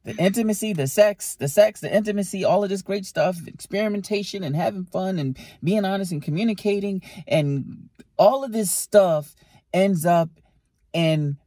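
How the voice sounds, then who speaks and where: A man's voice: on the high side, mellow, no room sound, clean studio sound. A man co-hosting a podcast, talking casually and emphatically about relationships, with lots of rhetorical questions. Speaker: podcast co-host.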